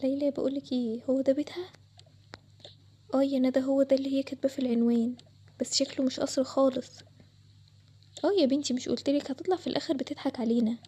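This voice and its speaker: Quick high Egyptian woman voicing girls. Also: level tone, warm tone. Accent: Egyptian Arabic. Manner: chatty and quick, switching between several girls' voices. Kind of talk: role-play drama voice-over.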